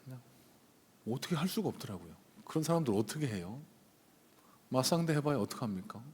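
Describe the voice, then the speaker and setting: Male pastor, mid-pitched voice, sermon storytelling, hesitant fillers, long church-hall reverb. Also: lively intonation, brisk, darkish tone, breathy edge. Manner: conversational anecdote with frequent hesitant fillers. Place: church sanctuary.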